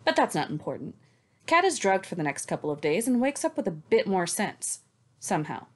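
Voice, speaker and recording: A woman co-hosting a book discussion podcast speaks a little fast at medium pitch, very animated. She gives sarcastic, scripted-sounding recaps in a casual, sweary, emphatic style.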